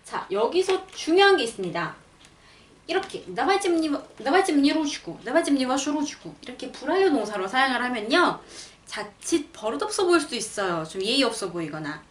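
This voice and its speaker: A young woman teaching a language lesson, explaining patiently and reading example sentences slowly and clearly. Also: high voice, sing-song. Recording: roomy, a bit far from the mic.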